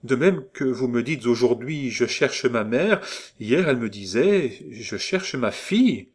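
A man reading aloud voices an impassioned young man in love, speaking loudly and urgently. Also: mid-range voice, lively intonation, a little slow, breathy edge, pitched above the performer's own voice. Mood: ardent.

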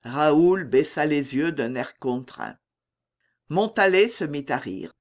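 A woman reading a classic novel aloud, measured and expressive. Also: low voice. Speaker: audiobook reader.

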